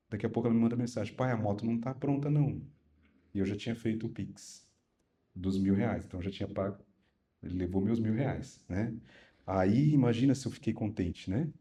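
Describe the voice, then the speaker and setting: Mellow-voiced Brazilian pastor telling a story. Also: male voice, medium pitch, moderate pace, pauses often. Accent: Brazilian Portuguese. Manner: animated storytelling, swinging loud and soft. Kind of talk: sermon with personal story.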